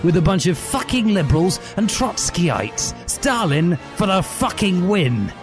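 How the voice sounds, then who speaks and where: A man voicing a furious, ranting teenage boy wizard who yells and swears through every line. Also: sits high, very animated, unhurried, over music, voice pushed up, full character voice. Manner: yelling, screeching and swearing.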